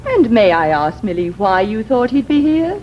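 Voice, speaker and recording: A woman's voice: on the high side, very animated, moderate pace. An actress playing a flippant, teasing young woman with an airy, arch, theatrical manner in 1950s television drama style. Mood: mocking. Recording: dull, noisy 1950s TV soundtrack.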